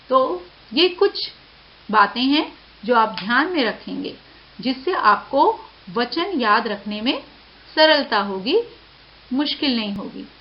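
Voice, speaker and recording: A woman teacher giving a lesson to children, saying each word slowly and clearly and repeating it for them. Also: on the high side. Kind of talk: slow classroom lesson to children. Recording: dull lo-fi audio with faint hiss.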